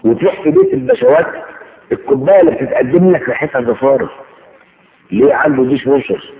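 A man preaching in colloquial Egyptian Arabic, telling anecdotes and reciting verses slowly for emphasis. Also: narrow, tinny audio, slight background noise. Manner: animated storytelling, swings between loud emphasis and low asides, recites verses slowly.

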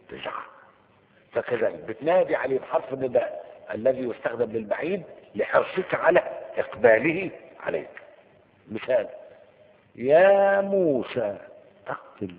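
A man's voice: on the low side, long reverb tail, phone-quality sound. A man with an Egyptian Arabic accent teaching Arabic grammar in a colloquial lecture, asking questions and answering them himself. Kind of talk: colloquial lecture with Quranic quotes.

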